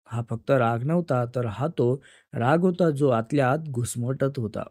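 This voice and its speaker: A man narrating a dramatic story in a steady storytelling manner. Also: mid-range voice, measured pace, dry recording, studio quality.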